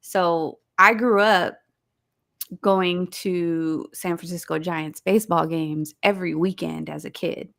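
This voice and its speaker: A woman co-hosting a casual live podcast, lively and laughing often, reading viewer comments aloud. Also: lowish voice, takes it slowly, creaky. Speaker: podcast co-host.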